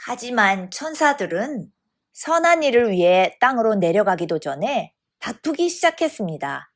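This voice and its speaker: A woman narrating a children's storybook in an expressive, dramatic way. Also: on the high side, normal speed.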